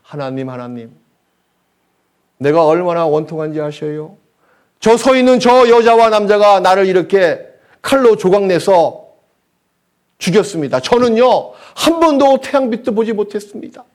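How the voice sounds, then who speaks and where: A man's voice: high-pitched, animated, moderate pace, a little mellow, pitched above the performer's own voice. A male preacher voicing an aborted unborn child who pleads to God in a lamenting, pleading voice.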